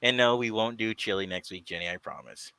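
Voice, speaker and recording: Casual male co-host, rambling and giggly, bright tone, dry close mic. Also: lowish voice, fairly quick, clear, resonant tone, dry recording, poor audio. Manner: rambling, laughs often. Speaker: podcast co-host. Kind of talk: casual chat.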